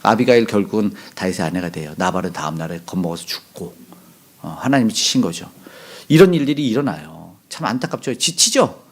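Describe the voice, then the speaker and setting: With a fairly low, expressive voice and a fairly quick pace, a middle-aged male pastor gives a chatty sermon. He asks the congregation questions and dramatizes quotations with sudden bursts of volume.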